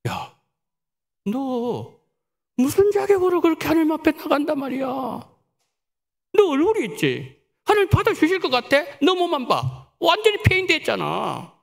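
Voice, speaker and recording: A male preacher voicing a scornful male devil who taunts a sinner with quick, jeering questions. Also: very high-pitched, very animated, creaky, pitched above the performer's own voice, heavily acted. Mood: taunting. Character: sneering male devil tempter, mocking and scornful.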